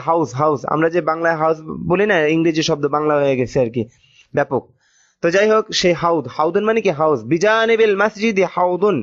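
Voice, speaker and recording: A man with a Bangladeshi accent teaching Arabic grammar, patiently reading sentences slowly and then translating them. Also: fairly high pitch. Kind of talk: recorded online lesson. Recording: dull lo-fi recording.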